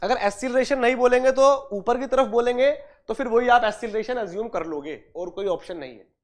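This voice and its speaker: Speaking briskly in an extremely high voice, a man teaches an engineering exam-prep class online. He raises questions only to answer them, says things more than once, and calls students dear and brother while using English technical terms.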